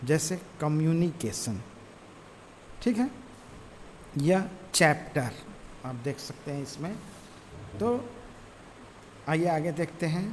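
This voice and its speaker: A man teaching a lesson at a very slow, deliberate pace, in a slightly high voice. He reads English lines word by word, then explains them. The room gives a long reverb, with faint noise behind. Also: very animated. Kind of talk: teaching lesson, reading English text aloud and explaining in Hindi.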